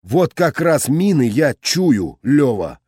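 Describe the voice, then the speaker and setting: A man voicing a hot-tempered male company commander who shouts and gives orders in an audiobook. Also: mid-range voice, big pitch swings, slow pace, breathy edge, no echo, studio quality, full character voice. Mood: commanding. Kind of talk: audiobook character voice.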